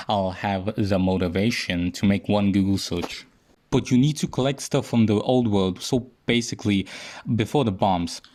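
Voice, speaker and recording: A man's voice: fairly low pitch, a little mellow. A young man casually commenting on a video game, joking and self-mocking as he rambles through it. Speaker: gaming video host.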